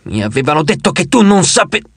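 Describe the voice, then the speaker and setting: A man voicing a brutal three-bodied giant rancher who taunts and shouts threats, in an audiobook. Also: a little high, big pitch swings, fairly quick, husky, no echo, exaggerated voice. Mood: menacing.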